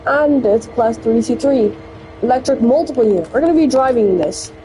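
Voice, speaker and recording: A woman's voice: on the high side, expressive, moderate pace, noisy background. A woman giving casual gameplay commentary, rambling with blunt, opinionated asides. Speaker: gameplay channel host.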